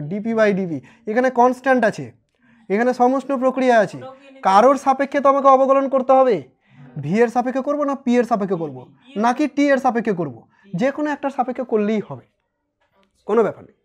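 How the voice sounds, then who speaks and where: A man teaching a physics lesson at a board, chatty and teasing, quizzing his students and answering for them. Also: extremely high pitch. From West Bengal, India. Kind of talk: informal whiteboard lesson.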